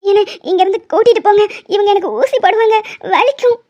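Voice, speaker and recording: Woman as scared childlike patient, cartoon drama, squeaky high, muffled lo-fi. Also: fairly even intonation, moderate pace, mellow. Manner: pleading, fearful, childlike. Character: terrified young woman patient, locked away, childlike. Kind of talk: cartoon voice acting. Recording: dull lo-fi sound.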